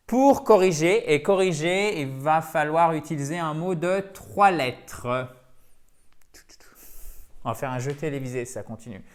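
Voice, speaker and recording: A man teaching English vocabulary in a lively video lesson, enthusiastic and chatty, often quizzing his viewers. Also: medium pitch.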